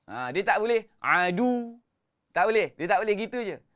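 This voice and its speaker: High-pitched, expressive and fast, a Malaysian man's fairly bright voice leads a livestreamed tajwid class. He repeats his coaching, counts in, and chants the verses with melody.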